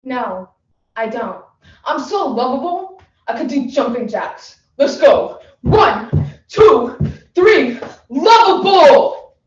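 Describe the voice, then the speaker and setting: A young woman performing a loud, hotheaded young male actor who talks brash and shouty, heard in an echoey room from a distant mic. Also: a little high, big pitch swings, unhurried, lo-fi sound. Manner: brash, shouty tough-guy talk. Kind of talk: competitive humorous interpretation.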